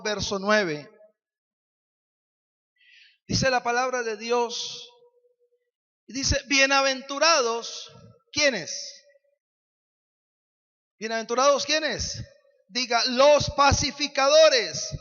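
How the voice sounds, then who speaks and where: A man's voice: very high-pitched, bright, forceful tone. A man preaching a sermon, leading call-and-response with the congregation and urging them to repeat after him. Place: church hall. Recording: dull lo-fi with long church reverb.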